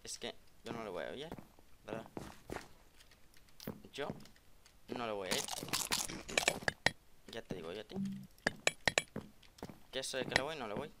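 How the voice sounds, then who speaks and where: A man giving live, excitable game commentary as a gaming video creator, joking and trash-talking opponents, recorded over loud background noise and keyboard clicks. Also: medium pitch, a little slow, pauses often. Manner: excitable, jokey trash talk aimed at opponents.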